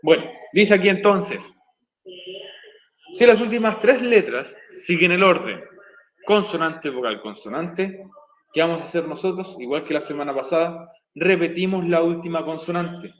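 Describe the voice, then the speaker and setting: A man's voice: on the high side, moderate pace, rough recording. A male English teacher, patiently explaining grammar step by step in a recorded online class. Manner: patient, repeats and spells out each step.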